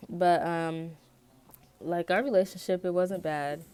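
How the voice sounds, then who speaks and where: Young adult woman, American accent, slightly low pitch, colloquial, candid, rambling personal vlog chat. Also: fairly even intonation, a little slow, darkish tone, slight background noise. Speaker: vlogger. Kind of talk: casual personal chat to camera.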